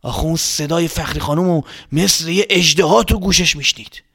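Man telling a lively children's story. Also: fairly high pitch, gravelly, breathy edge. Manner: lively, expressive, addressing children.

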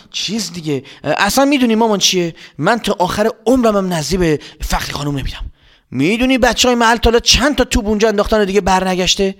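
A man's voice: high-pitched, fairly bright tone, pitched above the performer's own voice. A man voicing a frightened young boy who stammers and panics. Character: frightened young boy, jumpy and fast-talking.

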